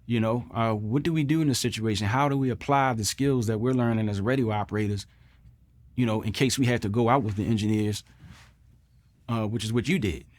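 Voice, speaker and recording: Man, middle-aged, slightly deep voice, military veteran, interview recollection, earnest, reflective, repeats for emphasis. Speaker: Marine combat veteran interviewee.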